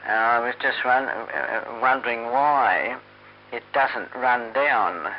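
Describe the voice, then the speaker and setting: A man chatting casually as an amateur radio operator, speaking haltingly with long pauses, heard over a radio transmission. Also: medium pitch. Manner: halting, hesitant, long pauses between phrases. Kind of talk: casual on-air ham radio chat. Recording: dull lo-fi radio, hum and hiss.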